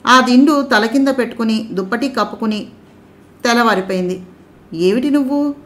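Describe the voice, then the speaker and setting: Calm woman reading a story aloud. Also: on the high side, brisk. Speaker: narrator.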